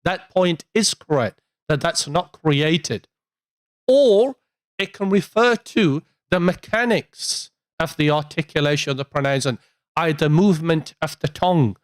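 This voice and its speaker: Slow careful guy translating a lecture to english, bit high voice, real dry sound. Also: no room sound. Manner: slow, measured, careful wording.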